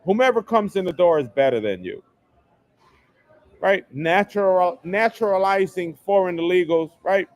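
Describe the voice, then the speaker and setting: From home in New York, a male host goes solo on a livestream, delivering a forceful rant that repeats the same phrases over and over. He has a high-pitched, expressive voice and speaks at a moderate pace, with no room sound.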